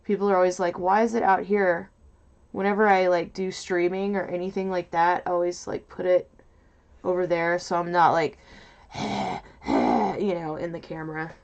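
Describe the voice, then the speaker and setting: A woman hosting a casual crafting livestream in a loud, nasal voice, rambling and hesitant with lots of fillers, from a mic set off to her side. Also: fairly low pitch, animated, normal speed. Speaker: livestream host. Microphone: mic set off to the side, away from camera.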